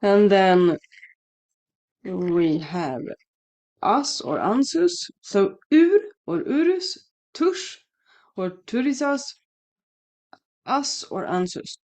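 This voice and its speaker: A native Swedish woman from Sweden, who vlogs on shamanism, chats at home in a morning vlog, rambling and self-correcting at a very slow pace with long pauses. Her mid-range, sing-song voice has a darkish tone and Swedish accent, and she sounds a touch sniffly, as if coming down with a cold. The dry indoor room is recorded via a headset mic.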